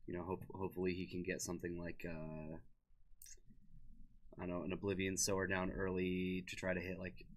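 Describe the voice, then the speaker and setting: A man co-commentating a card game stream in a relaxed, casual way, often repeating words as he starts a sentence. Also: sits low, brisk.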